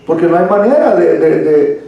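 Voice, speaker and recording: A man's voice: on the high side, animated, normal speed, dull audio. A man leading a church Bible study lesson, explaining at length and addressing listeners as brother, recorded from a distance in a church hall. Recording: echoey room, far from mic.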